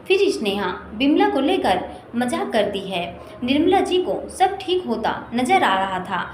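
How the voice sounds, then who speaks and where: A woman reading a family story aloud as a storyteller, steady and expressive. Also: high voice, measured pace. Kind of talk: storybook narration. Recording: echoey room with faint noise.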